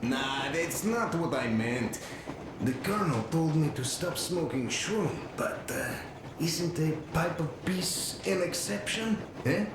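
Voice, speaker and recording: A man playing a teasing, warm-hearted young Russian soldier in a video game, with a Russian accent. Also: a little high, animated, slow. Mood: easygoing. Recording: very echoey, noisy game audio.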